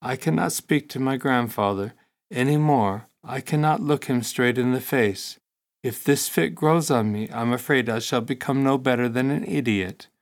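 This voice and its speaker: A man's voice: medium pitch, moderate pace, lightly acted. A man reading the lines of an eager, bold boy prince in an audiobook, lifting his voice a little and speaking earnestly. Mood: troubled.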